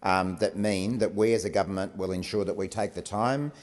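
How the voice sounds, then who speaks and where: An Australian man with a fairly deep voice answers formally as a government minister. He words things carefully, with some hesitation. The sound is reverberant, as in a large chamber. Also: brisk. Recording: echoey chamber with long reverb.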